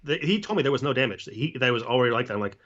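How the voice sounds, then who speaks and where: A man's voice: mid-range voice, expressive, very fast, fairly bright tone, highs cut off. A man co-hosting a casual livestream, joking and laughing often, stumbling over repeated words. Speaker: podcast co-host.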